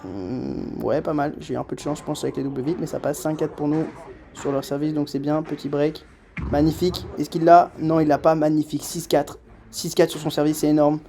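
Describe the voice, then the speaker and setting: A young man doing a voice-over commentary on his own padel match, self-mocking and excitable, swinging from muttering to shouting. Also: a little high, a little fast, gravelly, a little hiss or hum.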